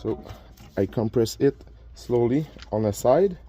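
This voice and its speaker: A French-first-language man explains car repairs on his DIY channel in casual how-to narration as he works, plainly instructive yet prone to restarts and fillers. He sounds mid-range, animated, a little slow, mellow, and husky.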